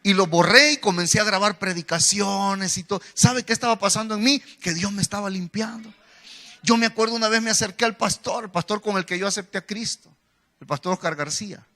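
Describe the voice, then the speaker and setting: A Salvadoran male preacher delivers a sermon in church, weaving personal testimony into his message. His voice sits high and rings bright. He talks straight to the congregation, often calling them "brother". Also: fairly quick. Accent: Salvadoran Spanish. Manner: storytelling, addresses listeners as "hermano".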